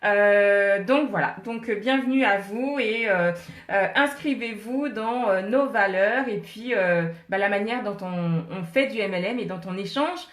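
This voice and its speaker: A woman's voice: medium pitch, a little slow, echoey room. A woman hosting a casual live stream from her home office, holding her phone in her hand, chatting with viewers, greeting them by name and laughing often. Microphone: phone held in hand.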